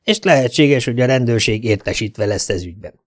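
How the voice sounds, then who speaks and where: A man reading an audiobook, voicing a pushy man who blackmails a detective, with a slow, drawn-out, insolent delivery. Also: medium pitch, lively intonation, no echo, clean studio sound, lightly acted. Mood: smug. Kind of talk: audiobook character voice.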